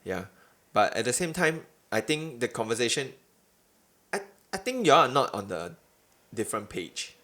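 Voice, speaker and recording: A man's voice: medium pitch, very animated, moderate pace, long pauses, a bit bright. A young adult man with a Singaporean accent in a casual podcast chat, using colloquial Singlish phrasing. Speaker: podcast host.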